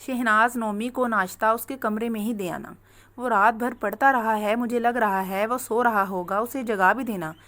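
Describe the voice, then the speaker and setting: A woman's voice: a little high, fairly even intonation, normal speed, fairly bright tone, close to an everyday voice. A woman voicing a stern young husband who speaks curtly and scolds. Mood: instructing. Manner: scolding, curt.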